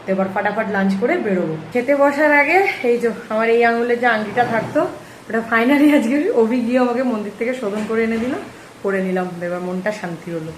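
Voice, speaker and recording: A woman's voice: fairly high pitch, quick pace, echoey room, a little hiss or hum. A woman vlogger chatting casually to her viewers about her day at home. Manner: chatty, talks straight to viewers. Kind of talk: casual vlog chat.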